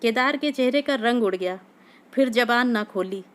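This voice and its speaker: A woman reading a classic short story aloud in steady, measured narration. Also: a little high.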